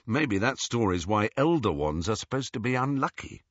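A man's voice: fairly low pitch, big pitch swings, normal speed, dry recording. A man reading an audiobook, voicing a blunt, cheeky teenage boy who mocks and argues. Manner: blunt, mocking. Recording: dull, dry audiobook recording.

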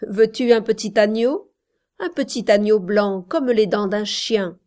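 A woman's voice: fairly high pitch, a little slow, darkish tone, natural voice. A woman voicing an eager, jealous young male shepherd who asks urgent, pressing questions in a storybook reading. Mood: coaxing.

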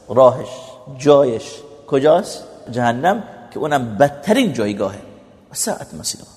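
A man preaching a sermon with impassioned delivery, rising to loud pleading peaks and dropping low, reciting Arabic verses slowly before explaining them. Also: vocal fry. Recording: long hall reverb.

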